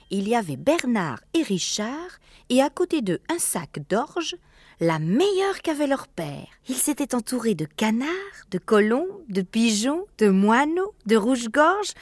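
A woman narrating an audiobook in an expressive, at times hushed storytelling voice. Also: a little high, measured pace, no room sound.

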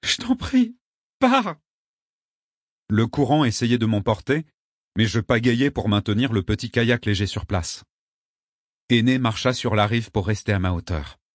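Steady male audiobook narrator, dry sound. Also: lowish voice, moderate pace, dry recording. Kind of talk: scripted narration.

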